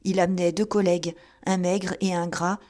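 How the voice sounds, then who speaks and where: A woman reading an audiobook as narrator, in a measured, even storytelling manner. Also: on the low side. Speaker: audiobook reader. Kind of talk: scripted narration.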